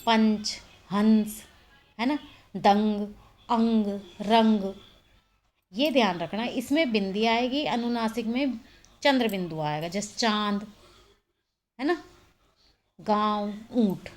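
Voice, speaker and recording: A woman's voice: medium pitch, slow, long pauses. A woman teacher giving a recorded grammar lesson, explaining step by step and answering her own questions as she goes. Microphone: phone voice recorder.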